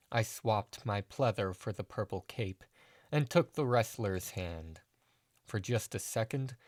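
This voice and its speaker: Low voiced guy reading a grim story, calm and deadpan, dry close mic. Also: no echo. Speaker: narrator. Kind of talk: dramatic audio story narration.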